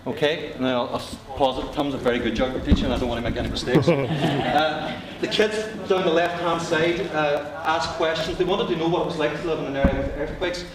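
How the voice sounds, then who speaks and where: At a teacher meetup, a Northern Irish teacher gives a brief, chatty talk laced with jokes and self-deprecation. His fairly high voice stays fairly level and moves quickly with hardly a pause. The recording comes from a distance in a large, echoey lecture hall, with crowd noise from the audience.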